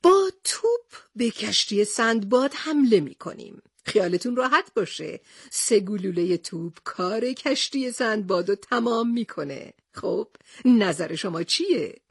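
A woman's voice: mid-range voice, lively intonation, slightly rough, dry recording, studio quality. Captain Haddock, a woman doing a blustering sea captain. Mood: boastful. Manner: shouting, bossy outbursts. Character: hot-tempered blustering male sea captain, middle-aged.

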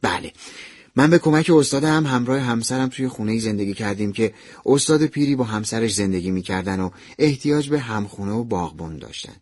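Brief: man narrating a personal letter as a radio story, expressive and lively, husky, dry close mic. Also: mid-range voice, no echo. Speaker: narrator reading a listener's letter.

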